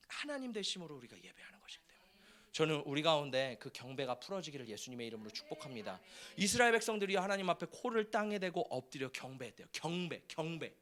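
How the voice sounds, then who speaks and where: A male pastor preaching a fervent sermon in a church sanctuary, often breaking into shouts. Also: on the high side.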